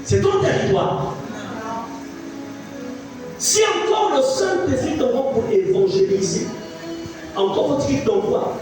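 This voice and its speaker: In a church, a pastor in his fifties preaches emphatically in a very high-pitched voice with big swings in pitch, speaking slowly and pausing often. He repeats phrases and puts questions to the congregation. A distant mic picks up echoey church sound along with music.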